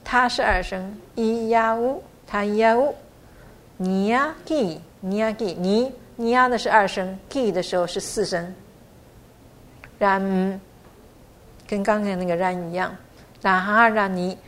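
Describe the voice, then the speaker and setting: A woman teaching pronunciation, repeating syllables slowly and explaining their tones. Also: medium pitch. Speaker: language teacher. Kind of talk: pronunciation lesson.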